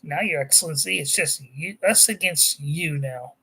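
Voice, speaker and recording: A reader voicing a calm young male fighter who speaks flatly, in a clipped way. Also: mid-range voice, normal speed, slightly rough, poor audio. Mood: steady. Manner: flat, clipped.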